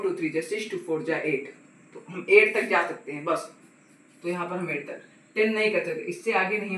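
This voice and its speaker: High-pitched and fairly bright, this man's voice carries a little hiss or hum. He's a patient, repetitive math tutor walking through a casual lesson step by step, repeating "ठीक है" and asking the viewer questions, recorded on a distant mic in an echoey room.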